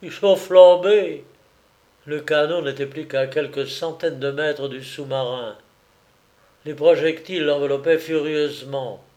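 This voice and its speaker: A man reading an adventure novel aloud as narrator, in a slow, measured way. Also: fairly high pitch, fairly even intonation.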